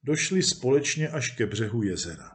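Male storyteller, measured and expressive read-aloud, mid-pitched voice. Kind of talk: storybook reading.

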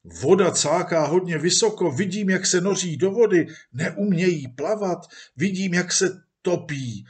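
Male reader as a restless, eager man seeing visions, in a storybook reading, lively delivery. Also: high-pitched, few pauses, voice pushed up, lightly acted. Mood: excited. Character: troubled man freed of demons, excitable.

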